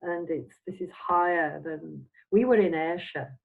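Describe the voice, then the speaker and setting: An older Scottish woman, a semi-retired Spiritualist minister and medium, reminisces as an interview guest in a reflective, anecdotal chat. Her voice is lowish and creaky, her delivery halting and meandering with trailing phrases, over dull, phone-like audio.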